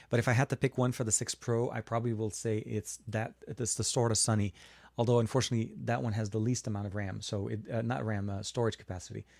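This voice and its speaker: Answering viewers' questions in a chatty way, a tech livestream host from Lebanon fills his speech with fillers and restarts in a casual stream. He has a somewhat low, slightly mellow voice with vocal fry, and the audio has no room sound.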